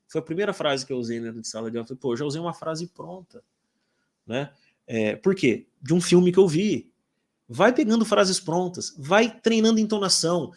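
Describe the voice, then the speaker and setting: A man in his forties from Brazil, a corporate English teacher giving a chatty live webinar talk, often tagging "né?". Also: sits high. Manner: chatty, lively, many filler tags.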